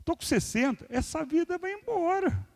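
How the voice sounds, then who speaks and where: A man in his sixties preaching a sermon as pastor, moving between loud emphasis and quiet asides. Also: very high voice, expressive, moderate pace, vocal fry. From Brazil. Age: 60s. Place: church hall. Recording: long reverb of a large church hall.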